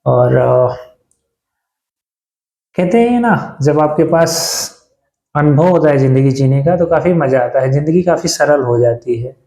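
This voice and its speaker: A man in his thirties chatting reflectively to camera in a halting way, pausing and restarting often. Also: a little high, expressive, dark tone, reverberant. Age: 30s. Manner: halting, with many pauses and restarts. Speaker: vlogger. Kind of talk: casual reflective talk to camera.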